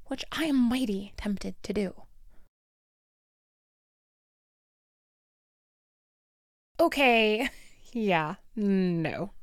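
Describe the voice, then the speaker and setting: Woman doing a bratty bully schoolgirl for audio roleplay, sarcastic n hot tempered, drawn out slow taunts, really dry close sound. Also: mid-range voice, darkish tone, no echo, lightly acted. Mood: grudging, threatening. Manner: taunting, sarcastic, theatrical drawl with swooping emphasis. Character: snarky, hot-tempered school bully girl, grudgingly softening. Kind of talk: one-sided audio role-play.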